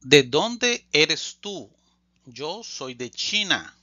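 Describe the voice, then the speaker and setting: A man teaching a language lesson, reading phrases slowly and deliberately and repeating them for learners. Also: a little high, big pitch swings, sharp tone, dry recording, muffled recording. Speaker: Spanish teacher. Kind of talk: slow scripted language lesson.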